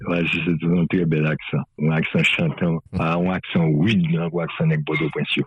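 A man from Haiti with a Haitian accent, a filmmaker speaking as a guest in a radio interview, loose and halting with frequent restarts. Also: extremely low pitch, level tone, husky, dry recording. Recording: dry, slightly muffled radio sound.

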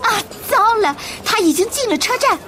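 Very high-pitched young heroine. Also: female voice, expressive, noisy background. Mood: urgent, alarmed. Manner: bewildered, breathless urgency with halting beginner French. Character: Eva, eager young heroine on an urgent secret mission. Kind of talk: language-learning radio drama. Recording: music behind the voice.

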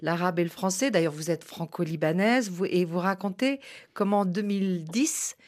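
A woman hosting a radio interview, asking questions in a measured, articulate way. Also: on the low side, darkish tone. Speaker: radio host.

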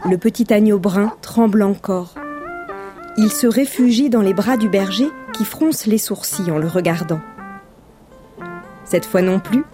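A woman reads a children's story aloud, gentle and unhurried, with a mellow, warm tone. Soft music runs faintly beneath her narration. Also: medium pitch.

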